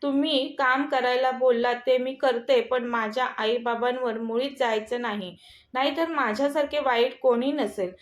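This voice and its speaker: A woman's voice: high-pitched, steady tone, a little slow. A woman voicing a proud, defiant young wife who speaks angrily, recorded in an echoey room. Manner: angry, defiant.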